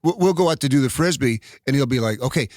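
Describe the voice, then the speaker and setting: Animated male radio host, dry studio sound. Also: medium pitch, quick pace, no echo. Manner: animated, laughs often, stammers and restarts. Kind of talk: casual chat.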